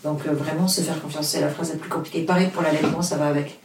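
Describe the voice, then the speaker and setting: A Portuguese author, a native Portuguese speaker from Portugal, chats casually as an interview guest. Her low voice is fairly even in intonation and quick, with background noise and a roomy, distant sound. She comes across as earnest but hesitant, full of fillers and restarts.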